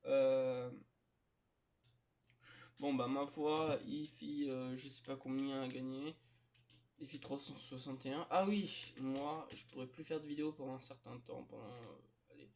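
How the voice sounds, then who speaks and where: A man hosting a gaming video, chatting casually and hesitantly with lots of filler sounds, with occasional excitable outbursts. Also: mid-range voice, a little slow. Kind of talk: casual gameplay commentary.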